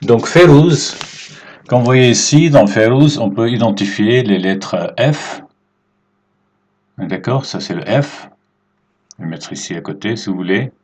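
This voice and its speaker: A man teaching Arabic letters at a whiteboard, explaining slowly and patiently and checking in with his students often. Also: medium pitch, expressive, darkish tone, breathy edge. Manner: slow and patient, checks in with "d'accord?". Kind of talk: whiteboard language lesson.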